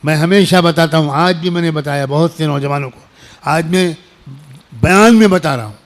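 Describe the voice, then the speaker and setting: Male preacher, middle-aged, somewhat high pitch; emotional, repetitive, pleading sermon delivery. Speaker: Islamic preacher. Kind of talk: emotional sermon to young people.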